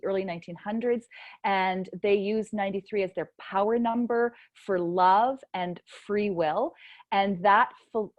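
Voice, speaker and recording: A woman author talks on a video call, eager and a little rambling, circling back with restarts as she explains herself. Her voice sits at an ordinary pitch. The audio is dry and close. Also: dry recording. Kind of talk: casual virtual book launch talk.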